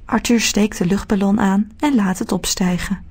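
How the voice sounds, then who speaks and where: A woman narrating a children's storybook audiobook in a steady, clear telling. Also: mid-range voice, normal speed.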